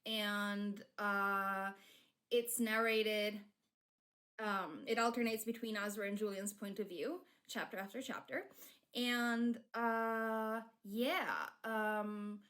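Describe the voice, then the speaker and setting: Speaking slowly at medium pitch, with a steady, slightly bright tone, this streamer and fanfic writer talks casually on a live stream. Her first language is Polish, and her speech is full of fillers and restarts.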